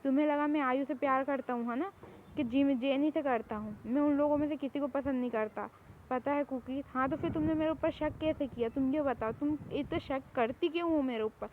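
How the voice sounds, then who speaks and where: A woman's voice: sits high, brisk, narrow, tinny audio, slight background noise, lightly acted. A woman playing a bossy young best friend guy. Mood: reproachful. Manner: scolding, bossy. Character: young man, teasing protective best friend. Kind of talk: spoken fan story role-play.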